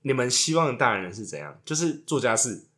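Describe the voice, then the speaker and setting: A man's voice: medium pitch, expressive, fast talker, fairly bright tone. A man, co-hosting a casual chat and trading crude jokes. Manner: joking, crude banter. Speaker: podcast co-host.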